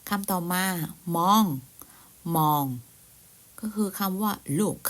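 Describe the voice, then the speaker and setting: A woman teaching simple English words in a slow, patient lesson. She repeats each word and spells it out letter by letter, in a polite, soft-spoken manner. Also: medium pitch, steady tone.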